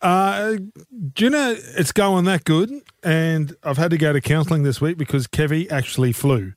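A man's voice: on the high side, normal speed, no echo, clean studio sound. A man with an Australian accent chatting casually as a sports panellist, telling anecdotes in a joking, slangy larrikin way.

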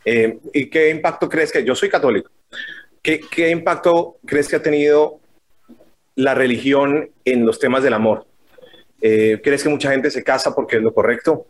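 A male interviewer with a mid-pitched voice asks long, reflective questions. He circles his point with hesitant restarts and fillers before landing it. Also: normal speed. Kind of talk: conversational interview.

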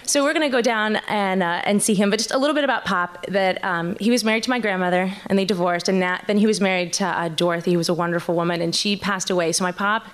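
A woman telling a personal story live on stage, nervous and halting, often restarting her sentences. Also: mid-range voice.

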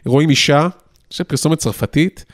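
A man hosting a casual interview, asking structured, articulate questions. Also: fairly high pitch. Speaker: podcast host.

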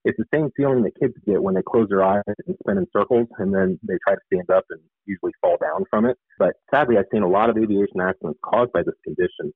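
Heard over a narrow, phone-like line in a dry recording, this radio interview guest is an author and air traffic controller. His low-pitched, slightly rough voice offers informal explanations, and he frequently rephrases.

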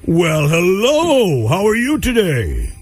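A man playing a jolly, kindly old Santa Claus, chatting with children on a radio call-in with hearty ho-ho-hos and gentle questions. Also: high-pitched, huge pitch swings, slow pace, faint music behind, full character voice.

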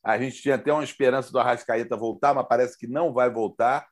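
A man's voice: mid-range voice, steady tone, quick pace. A man, co-hosting a casual football podcast, talking in rambling, emphatic bursts. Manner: rambling, emphatic, restarts often. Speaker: podcast co-host.

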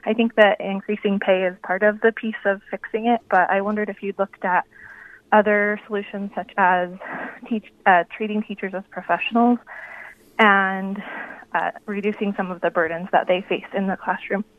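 A woman's voice: medium pitch, flat delivery, moderate pace, dry recording. Woman caller, hesitant and polite, heard through a thin clipped phone line, dry and close. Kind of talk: call-in question.

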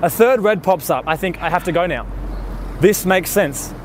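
A man co-hosting a radio show, telling a breathless story from the street over a headphone mic, building to shouts. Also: high voice, normal speed, slight background noise. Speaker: radio co-host. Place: outdoors in the street. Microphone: wired phone headphones mic.

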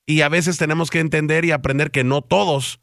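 A man's voice: fairly high pitch, steady tone, brisk, vocal fry, fairly bright tone, no echo, clean studio sound. A man hosting a radio morning show, talkative, joking and full of slang. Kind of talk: lively radio banter. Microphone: studio mic.

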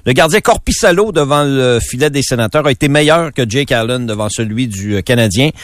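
Québécois sports reporter, dry studio voice. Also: male voice, mid-range voice, animated, brisk, no echo. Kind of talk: sports news segment on radio.

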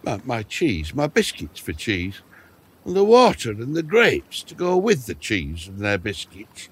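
An actor playing a hungry, dizzy old man drifting in a boat, slow and wistful, in a children's audio story. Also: lowish voice, huge pitch swings, breathy edge, heavily acted. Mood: dismayed.

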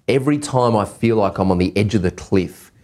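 A man's voice: on the low side, brisk, a little mellow. A man hosting a podcast, talking earnestly and encouragingly about business in a casual chat. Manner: earnest, encouraging motivational talk. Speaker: podcast host.

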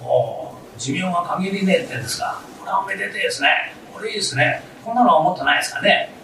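Brash young dad, played by a male storyteller, high and bouncy, echoey distant hall. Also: lively intonation, fast. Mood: eager. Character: eager, rough-spoken young father, a common tenement man. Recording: roomy, noisy recital hall from afar.

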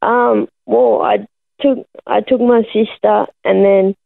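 A man's voice: sits high, steady tone, slow pace, creaky, no echo. A young man giving brief, laid-back answers as a radio caller on a tinny phone line. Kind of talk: casual, brief phone chat.

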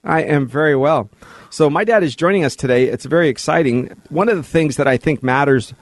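A middle-aged man hosting a radio interview, asking leading questions with small laughs and a warm-hearted manner. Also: fairly high pitch, a little fast. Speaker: host.

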